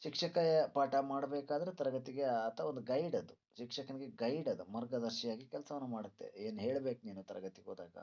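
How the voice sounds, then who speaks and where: On a dull lo-fi recording, a male teacher goes through exam questions a little fast, hardly pausing, in a mid-range, slightly mellow voice. His style is didactic, full of repeated points and rhetorical questions.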